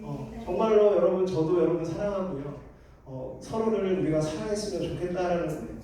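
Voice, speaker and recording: A man's voice: sits high, brisk, warm tone. A man in his thirties, a pastor telling a personal story in a sermon and speaking earnestly and directly to his congregation. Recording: echoey hall, distant mic, faint noise.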